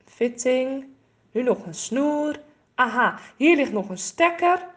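A woman doing a calm, thoughtful father. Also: high-pitched, slow pace, pitched above the performer's own voice.

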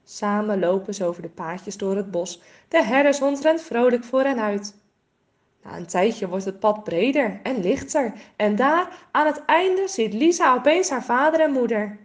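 A woman reading a children's storybook aloud in a gentle, expressive way. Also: a little high, a little slow.

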